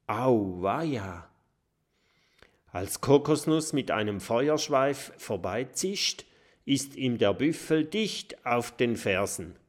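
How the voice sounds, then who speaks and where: A man narrating a children's audiobook with expressive, dramatic storytelling. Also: mid-range voice.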